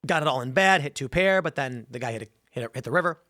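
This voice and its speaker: A man's voice: medium pitch, animated, fast, pushed and bright, dry recording, clean studio sound. A man hosting a podcast, telling stories in a rambling, emphatic casual monologue full of fillers. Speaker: podcast host.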